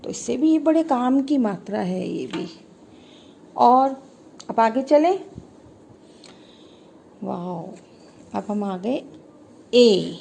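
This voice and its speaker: A woman's voice: a little high, animated, creaky, mellow, slight background noise. A woman teacher with an Indian accent, patiently teaching young children and drawing out syllables as she sounds them out. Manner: encouraging, drawn-out sounding of syllables. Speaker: school teacher.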